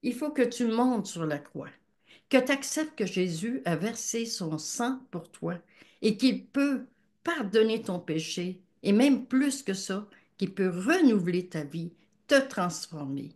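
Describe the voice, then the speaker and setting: An older woman with a Quebec French accent giving a personal faith testimony, telling her story in a lively way and acting out the dialogue. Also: medium pitch, unhurried.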